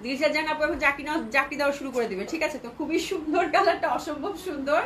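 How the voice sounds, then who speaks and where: A woman's voice: high-pitched, quick pace, a bit bright, slight background noise. Chatty Bangladeshi woman selling dresses live. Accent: Bangladeshi Bengali. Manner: chatty, repeats prices, mixes in English words. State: has a cold, talking softly to avoid coughing. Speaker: online clothing seller hosting a live sale. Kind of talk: live sales chat with viewers.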